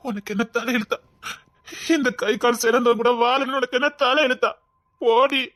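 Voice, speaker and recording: A woman's voice: a little high, fairly even intonation, moderate pace, fairly bright tone, dry recording, close to an everyday voice. A woman with a Tirunelveli Tamil accent playing a despairing young man, paralysed after an accident, who pleads with his lover to leave him. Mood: bitter. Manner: pleading, self-pitying, pushing her away.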